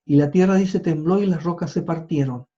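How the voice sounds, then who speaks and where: Lo-fi preacher man, dark-toned. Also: on the high side, a little fast. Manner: retells scripture with asides and restarts. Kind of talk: sermon. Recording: dull lo-fi sound.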